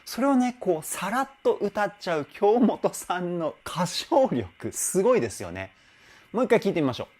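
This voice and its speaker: A man's voice: sits high, big pitch swings, moderate pace, darkish tone, slight background noise. A man hosting a channel as a vocal trainer, breaking down singing in a reaction video with keen, explanatory enthusiasm. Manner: enthusiastic, explanatory, often exclaims how cool it is.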